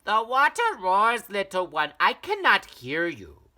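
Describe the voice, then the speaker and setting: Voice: huge pitch swings, a little slow, sharp tone, full character voice. A storyteller voicing a frantic, scolding mother who wails in alarm. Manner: shrill wailing and scolding. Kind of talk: storybook reading.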